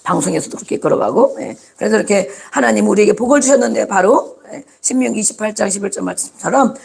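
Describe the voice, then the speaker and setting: Woman, pastor, sermon, gravelly, repeats phrases, asks the congregation questions. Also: medium pitch, expressive, fast, a little mellow.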